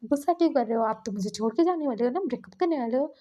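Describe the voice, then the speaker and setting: A woman's voice: high voice, animated, very fast, mellow. A woman doing an exasperated young lover. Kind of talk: storybook reading.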